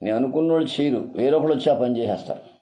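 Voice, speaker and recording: A man's voice: medium pitch, racing, mellow, highs cut off. A man preaching a sermon as a pastor, emphatic and repeating his phrases for weight.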